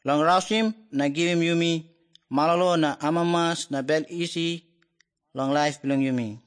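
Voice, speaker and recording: A man's voice: a little high, normal speed. A man delivering an evangelistic gospel message as a preacher.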